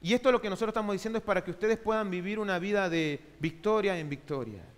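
A man's voice: high-pitched, fast. A man preaching a sermon as pastor, asking rhetorical questions and having the congregation repeat phrases after him. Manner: call-and-response, has the congregation repeat phrases. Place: church sanctuary. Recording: long hall reverb from a church.

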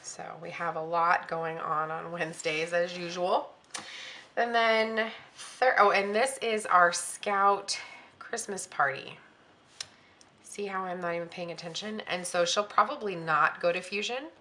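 A middle-aged woman casually talking through her weekly plans, thinking aloud with frequent ums and quick self-corrections. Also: on the low side, sharp tone, a little hiss or hum. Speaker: planner vlogger. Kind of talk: casual planning walkthrough.

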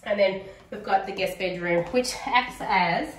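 Touring a big furnished prize home indoors, this middle-aged Australian woman speaks at a measured pace in a medium-pitched voice, enthusiastic and gushing throughout. The handheld camera trailing her keeps her far from the mic and occasionally off-mic, and the sound is noisy and echoey.

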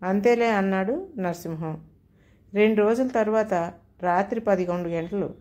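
Woman, storyteller, audio story narration, steady even telling. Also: medium pitch, measured pace.

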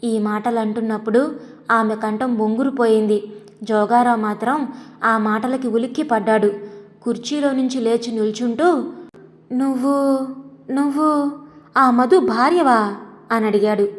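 Woman, storyteller, scripted narration, measured, dramatic, fairly high voice, long reverb. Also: fairly even intonation.

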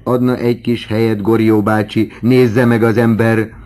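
A man's voice: lowish voice, flat delivery, darkish tone, voice pushed up, close to an everyday voice. A man reading an audiobook, voicing a sly, sardonic forty-year-old man who drawls his mocking remarks theatrically. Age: 40s.

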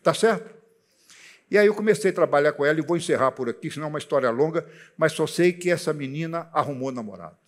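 A man's voice: on the high side, fast talker. A man preaching a sermon as a pastor, telling stories and putting questions to the congregation. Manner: animated storytelling preacher, asks the congregation questions.

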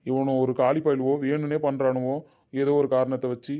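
A man's voice: medium pitch, flat delivery, fairly quick, clear, resonant tone, phone-quality sound, natural voice. A man playing a short-tempered, protective older brother who scolds and gives orders, in an amateur audio drama. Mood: stern. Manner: scolding, commanding.

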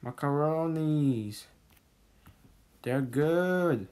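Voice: mid-range voice, animated, drawn-out words, a little mellow. A gamer commentating on a shooter game in short, repeated, exasperated complaints. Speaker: gaming video creator. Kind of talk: casual first-person shooter gameplay commentary. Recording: noisy, with game gunfire. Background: video game gunshots and clicks.

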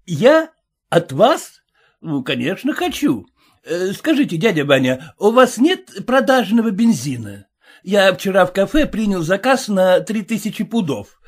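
Man putting on a high jeering heckler. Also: big pitch swings, measured pace, slightly rough, heavily acted. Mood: sly. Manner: mocking, shouting, sarcastic. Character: jeering male circus spectator, sarcastic heckler. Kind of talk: audiobook reading.

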